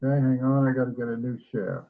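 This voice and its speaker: A man's voice: mid-range voice, fast, creaky, slight background noise. Chatty man teaching over a tinny call. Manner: relaxed, chatty, laughs often. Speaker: instructor. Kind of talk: online class session. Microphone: video call.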